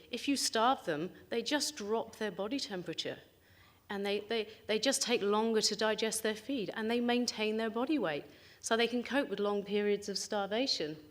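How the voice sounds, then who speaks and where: A middle-aged woman presents at a conference in a medium-pitched voice. Her delivery is informal and conversational, with keen enthusiasm for her subject. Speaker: scientist giving a conference talk. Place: indoor conference venue.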